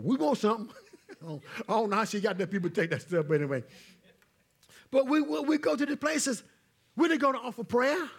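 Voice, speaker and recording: A man, a pastor preaching a sermon in church, swinging between loud calls to the congregation and hushed asides. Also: very high voice, creaky.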